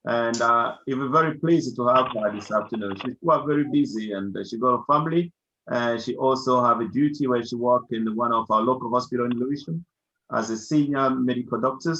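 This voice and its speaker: A man's voice: medium pitch, brisk, a bit bright, a little hiss or hum. Man hosting a community video call. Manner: switches between English, Lingala and French. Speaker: community group host. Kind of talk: casual online meeting hosting. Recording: dull lo-fi video call audio.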